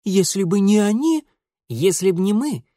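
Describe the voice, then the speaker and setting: Reader doing a know-it-all little sister, higher voice, dry sound. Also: male voice, very animated, moderate pace, warm tone, dry recording. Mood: prim. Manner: reasoned, matter-of-fact. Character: prim, reasoning young daughter.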